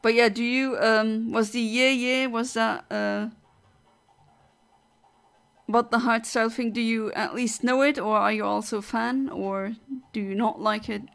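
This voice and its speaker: A woman's voice: a little high, fairly even intonation, unhurried, creaky, a bit bright. A woman from southern Luxembourg, chatting casually on a gaming livestream, rambling as she reads out and answers chat. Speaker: streamer.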